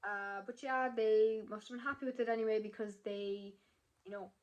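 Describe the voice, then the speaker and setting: A woman's voice: mid-range voice, fairly even intonation, moderate pace, lo-fi sound. A young woman, chatting to camera in a vlog, emotional and full of fillers. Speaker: vlogger. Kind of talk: casual chat to camera.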